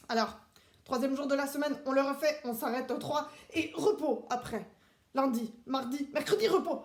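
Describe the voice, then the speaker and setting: A man with a very high-pitched, fairly even voice plays a strict Swiss soldier standing in as teacher in a playful classroom role-play. Speaking a little slowly with long pauses, he drills the children with clipped, precise, barked commands, and the room echoes.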